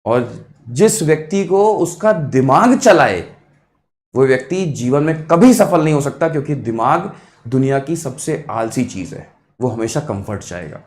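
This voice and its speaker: A man's voice: mid-range voice, expressive, a little mellow. Encouraging male math teacher. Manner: encouraging, repeats answers, addresses students as kids; motivational asides mixed with quick calculation. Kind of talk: live online exam-prep class.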